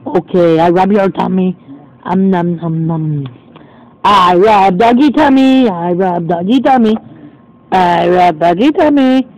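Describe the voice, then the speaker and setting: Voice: mid-range voice, a little slow, a little mellow, dull audio. A performer voicing a simple, hungry pet dog in broken baby talk, in a homemade toy story with sound effects. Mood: goofy.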